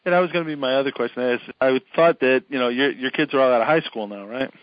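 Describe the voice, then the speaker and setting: A man's voice: medium pitch, fast talker, highs cut off. A man hosting a podcast interview, chatty and joking, with frequent laughs. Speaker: podcast host.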